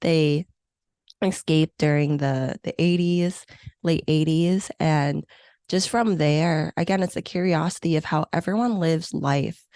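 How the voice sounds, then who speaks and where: A woman in her thirties, born in Hong Kong and raised in the U.S., is an interview guest who works as a meeting planner; her first language is Chinese or Vietnamese. She speaks with a low, warm voice at a measured pace, enthusiastic and reflective with plenty of fillers, in clean studio sound with no room noise.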